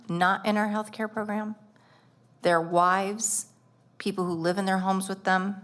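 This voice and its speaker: A woman on a school board speaking earnestly at a public meeting, getting choked up and stretching out words for emphasis. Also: mid-range voice. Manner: earnest, emotional, drawn-out emphasis.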